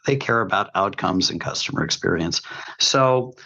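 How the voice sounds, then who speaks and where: A man's voice: low voice, expressive, moderate pace, bright, forceful tone, muffled recording. A man giving opinionated, emphatic commentary on a podcast, laying out his points like a lecture.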